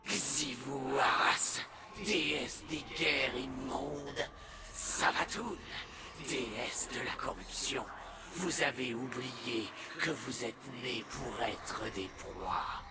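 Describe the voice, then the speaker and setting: A man playing a bitter, vengeful monstrous sorcerer in a video game cutscene, declaiming theatrically with menacing pauses. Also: mid-range voice.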